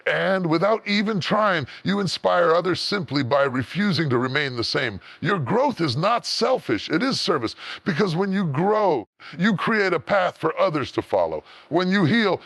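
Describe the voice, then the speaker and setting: A man speaks as a motivational speaker in a somewhat high-pitched voice, recorded dry and close. His delivery is a scripted, earnest address with emphatic, preacher-like repetition that builds phrase by phrase. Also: gravelly, a bit bright, dry recording.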